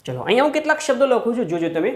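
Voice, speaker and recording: A man's voice: very high voice, very animated, rapid-fire, darkish tone, reverberant. A male school teacher giving a grammar lesson. He calls his listeners friends, asks questions and answers them himself, and stretches out key words.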